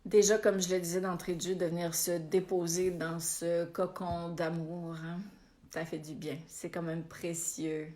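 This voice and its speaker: Slow-talking Québécois woman hosting a live stream. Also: fairly low pitch, level tone. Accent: Québécois French. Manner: unhurried, warm-hearted greetings with frequent euh fillers. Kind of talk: casual live-stream chat greeting viewers. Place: at home.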